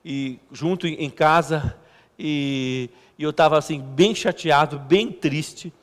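A male pastor preaching a sermon in a halting, conversational way, repeating words and poking fun at himself. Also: on the high side. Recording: long church hall reverb.

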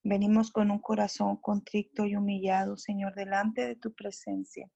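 A woman leading a soft, devout prayer. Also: medium pitch, little pitch movement, moderate pace, vocal fry, dry recording, lo-fi sound. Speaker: prayer leader.

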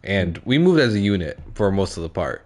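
A man co-hosting a podcast in a laid-back way, trailing off softly at the ends of his thoughts. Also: low voice, big pitch swings, a little fast. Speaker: podcast co-host. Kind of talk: casual chat.

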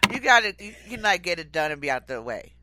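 A man in his forties co-hosting a podcast, telling stories in an animated, expressive way. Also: sits high, fast, background noise. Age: 40s. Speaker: podcast co-host. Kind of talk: casual chat.

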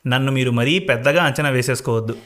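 A man voicing a calm, self-assured young male job candidate who speaks casually and easily. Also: medium pitch, quick pace, natural voice. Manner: easygoing, casual with English words.

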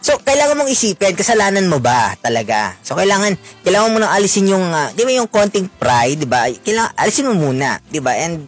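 Brief: Filipino man, talky advice vlogger, fairly high voice with a bouncy, animated pitch, faint music underneath. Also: a little fast. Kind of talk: casual relationship advice talk.

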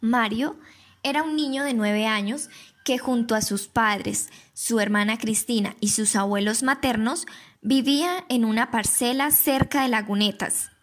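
A woman's voice: fairly high pitch, unhurried. A Colombian woman narrating a scripted story for children.

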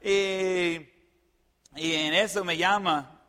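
A man telling a personal anecdote in a lively way, adding sound effects and fillers. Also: sits high, drawn-out words. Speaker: storyteller. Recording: long hall reverb.

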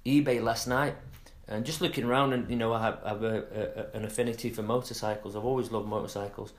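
A middle-aged Englishman co-hosts a casual podcast chat, rambling and trailing off mid-sentence with fillers. His voice is fairly low and fast, with fairly even intonation.

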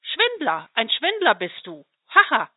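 A cheeky little blue butterfly, giggling and teasing with a high, bouncy voice, as a woman reads him out. The sound is dry and tinny, like over a phone line. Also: big pitch swings, moderate pace, dry recording. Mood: mocking. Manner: teasing, laughing.

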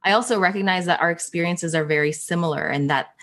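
A young woman from the Philippines who grew up in Canada speaks. Her voice sits low and she talks in an earnest, reflective way, dropping small laughs as she works through her points in a casual interview. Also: fast talker, a bit bright. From Philippines, raised in Canada. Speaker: guest.

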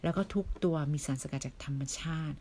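Woman, low voice, persuasive sales pitch, chatty, keeps asking the listener questions. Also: fast talker, mellow, a little hiss or hum. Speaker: beauty product seller recruiting members.

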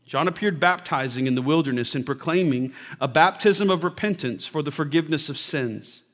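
A man, a pastor, preaching a sermon, reading scripture aloud with rising emphasis and praying softly during a live church service. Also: a little high. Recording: long reverb of a large hall.

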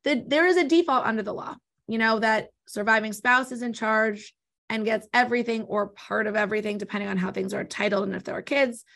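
A woman's voice: fairly high pitch, brisk, gravelly, fairly bright tone. A woman, an estate planning attorney from Los Angeles, California, explaining legal options step by step in an interview, with small restarts.

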